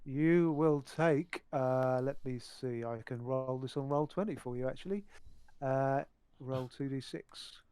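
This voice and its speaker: A man running a tabletop roleplaying game as game master, speaking haltingly with pauses mid-sentence. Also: mid-range voice, mellow, smooth, no room sound.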